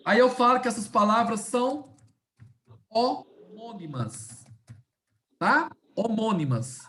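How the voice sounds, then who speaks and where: A woman teacher giving a class over a video call. She explains step by step, slows down to stress key words, and keeps checking that her students are following. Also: a little high, lively intonation, a bit bright. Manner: didactic, checks in often with "tá?" and "né?". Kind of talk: online class lecture.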